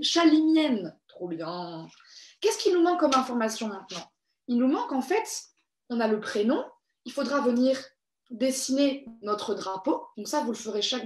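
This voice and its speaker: A woman hosting a live online creative workshop for children, cheerful and encouraging as she reads out viewers' comments. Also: a little high. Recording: echoey room.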